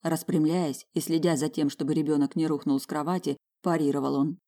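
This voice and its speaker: A woman narrating a first-person audiobook, expressive and lively in the dialogue. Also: low-pitched, fairly quick.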